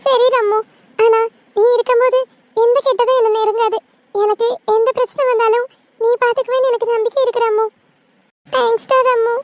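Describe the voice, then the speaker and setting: A woman's voice: extremely high pitch, flat delivery, a little fast, slight background noise. A woman doing a sincere young village wife. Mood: grateful. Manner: sincere, pleading.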